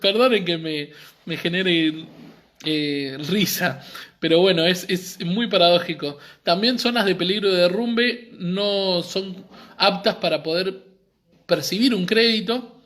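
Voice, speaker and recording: High-voiced earnest Argentine man. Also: measured pace, fairly bright tone. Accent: Argentine Spanish. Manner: earnest, explanatory, often checks in with the listeners. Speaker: community library speaker. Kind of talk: live-streamed talk.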